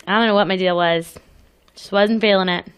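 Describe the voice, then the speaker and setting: A woman's voice: mid-range voice, steady tone, a little fast, clear, resonant tone. A woman co-hosting a radio show, chatting casually and laughing often in an easygoing way. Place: radio studio.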